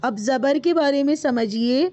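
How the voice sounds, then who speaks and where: Teaching Quran reading in a live online lesson, she repeats every point with patience and then tests her students. She has a high voice and a darkish tone.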